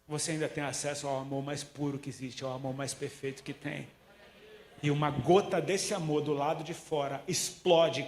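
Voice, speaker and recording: A Brazilian man preaches with a somewhat high, lively voice and tells stories in casual slang, acting out what his characters say. The sound rings in a roomy echo. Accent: Brazilian Portuguese. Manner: animated storytelling, slangy, acts out quotes. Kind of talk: sermon.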